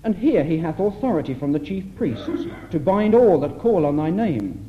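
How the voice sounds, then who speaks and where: A man's voice: a little high, big pitch swings, normal speed. A man solemnly reading scripture aloud at a church meeting, heard on an old 1960s tape recording. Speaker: scripture reader at a church address. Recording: muffled old tape with faint hiss.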